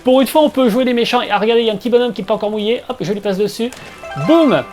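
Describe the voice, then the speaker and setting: A man's voice: very high-pitched, fairly even intonation, rapid-fire. A man hosting a video game show, giving a playful, chatty gameplay commentary voice-over and talking straight to his viewers. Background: soft game music.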